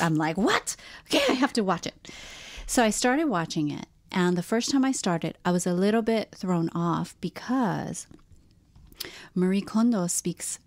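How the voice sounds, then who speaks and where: A woman's voice: fairly low pitch, no echo. A woman co-hosting a podcast, chatting casually, laughing often and trailing off mid-sentence. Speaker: podcast co-host. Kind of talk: casual chat.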